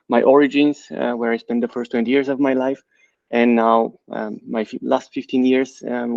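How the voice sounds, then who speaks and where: A middle-aged man from Bulgaria, a company CEO and co-founder, answering interview questions in a measured, explanatory way with frequent fillers. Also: medium pitch, gravelly, darkish tone, dry recording. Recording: dry, slightly dull sound.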